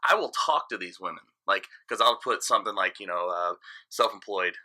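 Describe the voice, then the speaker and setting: A man in his late thirties chats on a podcast as a guest DJ. His voice is fairly low but very bright and forceful. He tells his stories frankly and at rambling length. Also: fairly quick. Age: 30s. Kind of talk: casual podcast chat.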